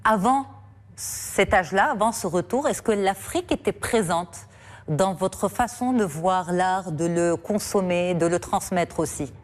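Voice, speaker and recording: Measured woman interviewer. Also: fairly low pitch. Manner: measured, formal questioning. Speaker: interviewer, host. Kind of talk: interview questions.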